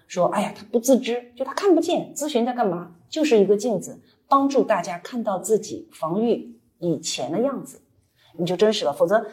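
A woman's voice: mid-range voice, a little mellow. A woman psychologist and counselor giving a chatty, colloquial live book-club talk full of examples. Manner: chatty, colloquial, acts out clients' voices. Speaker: psychologist and counselor, guest speaker.

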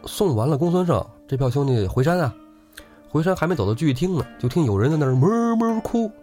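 A man's voice: fairly high pitch, very animated, fast, dark tone, faint music behind. A man hosting a casual storytelling podcast, chatty and laughing often as he acts out the characters. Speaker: host storyteller.

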